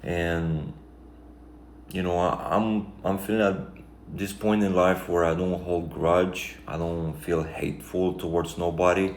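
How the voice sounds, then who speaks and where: Deep flat-voiced Romanian man. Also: slow pace. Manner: reflective, rambling, many fillers. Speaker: vlogger. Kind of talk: casual life-update monologue. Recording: echoey room, faint background noise.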